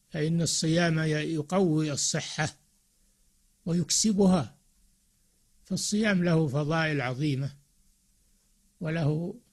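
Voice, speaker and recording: An older man, a sheikh, giving a slow and measured religious lecture with frequent pauses. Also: a little high, husky. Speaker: sheikh giving a Ramadan talk.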